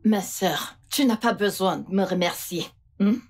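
A woman dubbing a kind, caring friend into French, calm and gently reassuring. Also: mid-range voice, measured pace. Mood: soothing. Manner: soothing, gently advising. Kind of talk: French film dub.

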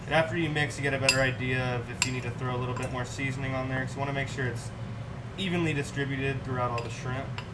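A man's voice: medium pitch, steady tone, quick pace. A young man hosting a home cooking livestream, chatting casually with viewers as he preps food in his kitchen. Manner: laid-back, chatty, talks to viewers in chat while cooking. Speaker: cooking show host. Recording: distant mic with clear room noise.

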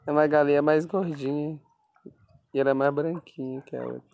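A man's voice: fairly high pitch, steady tone, brisk, creaky, muffled recording, a little hiss or hum. A man, chatting casually at home while filming puppies and talking baby talk to them. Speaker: pet owner filming puppies. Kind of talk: casual home video chat.

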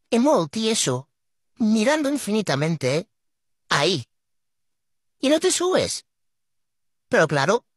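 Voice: medium pitch, breathy edge, no room sound, studio quality. A vlogger speaking through a voice changer filter that swaps the apparent gender, scolding their pet to camera in an exasperated, mock-dramatic way. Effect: voice changer filter, gender-swapped sound.

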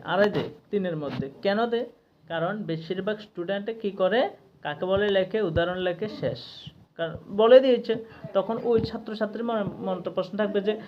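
A male teacher giving an exam-prep grammar lesson in a conversational way, often checking in with his students. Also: high voice. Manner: conversational, often asks "ঠিক আছে?" to check understanding. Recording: slightly dull lo-fi recording with faint noise.

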